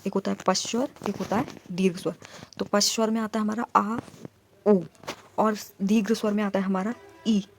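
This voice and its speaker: A woman teaching an exam-prep grammar lesson, putting questions to the class and answering them herself, and reciting letter sounds in slow lists. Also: medium pitch, fairly even intonation, slight background noise.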